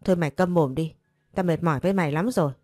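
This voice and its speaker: A woman voicing a harsh middle-aged mother who scolds her daughter in quick, cutting bursts. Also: on the low side, no echo, studio quality, soft background music, lightly acted. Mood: scolding. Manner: sharp, rapid scolding.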